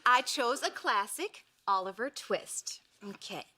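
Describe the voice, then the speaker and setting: A chirpy, overeager woman, bubbling with sing-song enthusiasm, her voice bouncing up and down. She sits a little high for a woman. A loud hiss of background noise rides under the recording. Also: expressive, measured pace. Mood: perky. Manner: perky, eager, sing-song. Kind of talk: sitcom acting.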